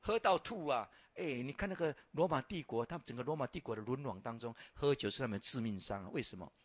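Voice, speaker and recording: Husky-voiced man telling lively stories. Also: medium pitch, quick pace, dry recording. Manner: lively storytelling with rhetorical questions; frequent filler "ah". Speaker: Bible lands lecturer. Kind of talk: lecture over slides.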